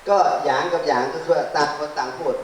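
A man, a Buddhist monk, teaches from a handheld mic at the front of a large hall. His talk is loose and conversational, full of questions to the room and drawn-out "ah" fillers. The sound is far off, with heavy echo and a faint hiss. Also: on the high side, fairly even intonation. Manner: quizzes the audience and fills gaps with drawn-out "ah". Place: large hall, standing before a seated group. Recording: very echoey hall, distant mic, faint noise.

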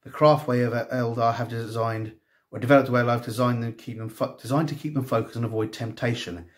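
A man's voice: mid-range voice, fairly even intonation, brisk. A man giving a casual magazine review, rambling with many ums and restarts and reading passages aloud. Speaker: tabletop hobby reviewer.

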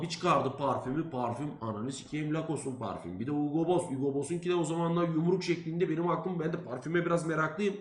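A young man in his twenties tells a comic story in a loose, casual way, swearing as he goes and slipping into the voices of the people in it. His voice sits a little high and sounds bright. The room around him is roomy and echoey. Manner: animated, swears freely, acts out quoted lines. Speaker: guest storyteller.

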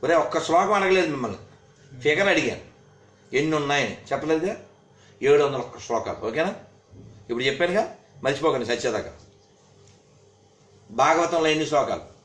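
A man's voice: fairly high pitch, animated, brisk, long pauses, a bit bright. Scolding man quizzing listeners, echoey room. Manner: scolding, quizzing, rhetorical questions. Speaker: religious speaker. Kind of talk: scolding religious discourse. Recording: roomy echo.

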